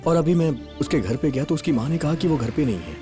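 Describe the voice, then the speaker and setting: A young man frets over the girl who won't answer him. His voice swings widely, and it rides over loud film music. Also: a little high, big pitch swings, fast talker. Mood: troubled. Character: young man, worried lovesick shopkeeper. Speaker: dub actor. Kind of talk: Hindi film dubbing.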